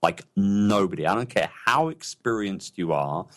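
A man with a notably deep, low voice talks as an interview guest. He is enthusiastic and loose, circling back and restarting his sentences as he goes. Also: expressive, normal speed. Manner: enthusiastic, rambling with many restarts. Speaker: entrepreneur guest. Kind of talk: casual interview talk.

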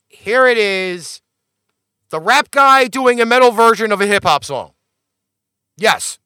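Brash high-voiced man hosting a music show. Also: pushed and bright, smooth, no echo, clean studio sound. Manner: brash, blunt and playfully defiant; hypes up the audience. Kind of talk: casual show hosting, introducing tracks.

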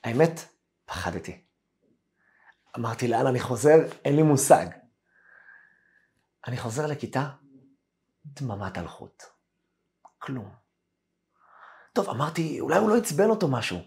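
A rabbi telling a classroom story in a Torah lesson, acting out the voices of the people in it. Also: male voice, mid-range voice, gravelly, pauses often. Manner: animated storyteller acting out quoted dialogue.

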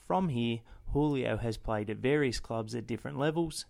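A man's voice: medium pitch, normal speed, gravelly, darkish tone. A man hosting a local football history podcast, reading a formal intro and then interviewing a guest.

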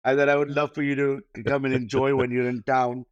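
A luxury wedding planner, a man, answers a podcast interviewer thoughtfully, though with plenty of fillers and false starts. His mid-range voice is flat, brisk and smooth, recorded without echo but with the highs cut off.

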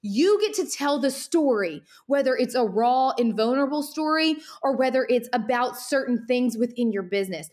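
Young woman, solo podcast host, slightly high voice, rapid animated pep-talk delivery, a bit winded. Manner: energetic, animated, talks very fast. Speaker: podcast host, social media marketer.

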